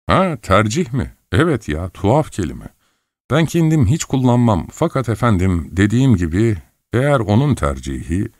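A man's voice: lowish voice, big pitch swings, normal speed, no echo, studio quality. A man voicing a fussy, obsequious middle-aged male clerk in an audiobook, with a deferential, eager-to-please manner.

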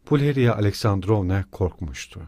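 Man narrating a novel, measured and expressive, dry studio sound. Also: lowish voice, dry recording. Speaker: audiobook narrator. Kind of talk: scripted narration.

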